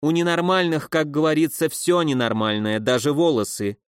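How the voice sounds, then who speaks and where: A man's voice: fairly high pitch, fairly even intonation, moderate pace, clear, resonant tone, no echo, natural voice. Sneering old drunk lady, a guy putting her on, mocking and bossy, dry close sound. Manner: sneering, scolding, loudly theatrical.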